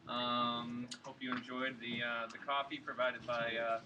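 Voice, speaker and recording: A man's voice: medium pitch, level tone, measured pace. Male event host from Florida, filler-heavy and casual, distant mic, noisy room. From Orlando, Florida. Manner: loose, filler-heavy, many "uh"s. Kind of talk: welcoming a live event crowd. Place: large indoor event room.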